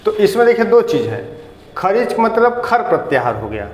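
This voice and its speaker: A man's voice: high voice, big pitch swings, moderate pace, a little mellow, a little hiss or hum. A man teaching a classroom grammar lesson, repeatedly quizzing his students and correcting their pronunciation. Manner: drills students with repeated questions. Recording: echoey classroom with long reverb.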